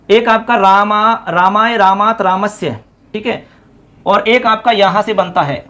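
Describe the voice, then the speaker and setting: A male teacher giving an exam-prep grammar lesson, chanting word forms in quick runs and talking to viewers as friends. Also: high-pitched, fairly bright tone. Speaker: Sanskrit teacher.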